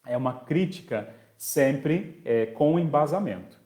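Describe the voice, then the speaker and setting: A man's voice: on the high side, animated, unhurried, a little mellow. A male special education teacher giving an online parenting course, talking conversationally, reading out viewer comments and answering them, with frequent tag questions. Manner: checks in often with tag questions. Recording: echoey room.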